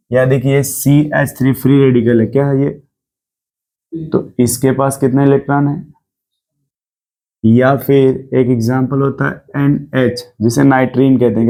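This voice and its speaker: A man's voice: mid-range voice, a little mellow. A man teaching a chemistry class, lecturing and constantly asking the students questions. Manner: mixes English terms into Hindi explanation.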